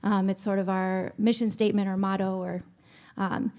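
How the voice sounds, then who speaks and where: A woman's voice: mid-range voice, little pitch movement, moderate pace, darkish tone. A woman moderating a church panel discussion, speaking in a friendly, chatty way with small self-aware asides. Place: church hall. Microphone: handheld microphone.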